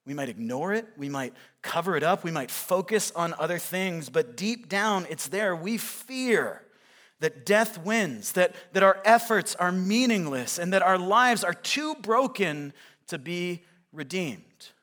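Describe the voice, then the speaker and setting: Guy pastor giving a sermon in church, high bright voice, chatty and animated. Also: a little slow. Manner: conversational, animated storytelling with acted-out movie quotes. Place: church sanctuary.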